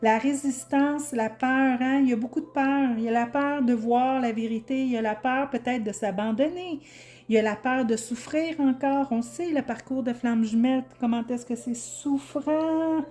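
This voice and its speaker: A woman with a Québécois French accent reads tarot cards for her viewers in a loose, chatty way, full of fillers and restarts. Her voice sits fairly high but sounds mellow and warm. She gets openly excited as she talks. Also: normal speed. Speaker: tarot reader. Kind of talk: casual tarot reading for viewers.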